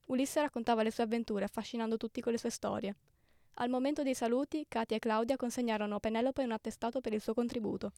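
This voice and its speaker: A woman narrating a storybook tale in a brisk, even manner. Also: a little high, no echo, studio quality.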